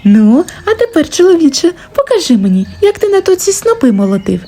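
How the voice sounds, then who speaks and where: Sly little vixen, put on by a woman narrator, very high and bouncy, coaxing and teasing, fairy-tale reading. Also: big pitch swings, fairly quick, warm tone, full character voice.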